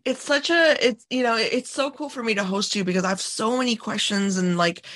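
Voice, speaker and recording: A woman's voice: on the high side, brisk, fairly bright tone. A woman hosting a skincare podcast, chatting casually with many fillers. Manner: chatty, lots of fillers like "you know" and "um". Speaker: podcast host.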